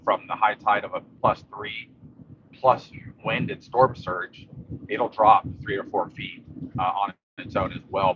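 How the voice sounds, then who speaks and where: A man giving a casual, rambling, matter-of-fact live commentary while driving a car through rain. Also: low voice. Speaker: local vlogger giving a storm update while driving. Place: inside a moving car in rain. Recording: dull lo-fi audio, steady car and rain noise.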